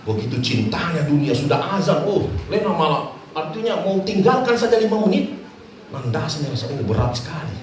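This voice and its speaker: A man preaching a sermon, telling a story with lively acted voices and low asides. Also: a little fast, a little hiss or hum. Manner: animated, swings between high acted voices and low asides. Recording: echoey, distant hall recording.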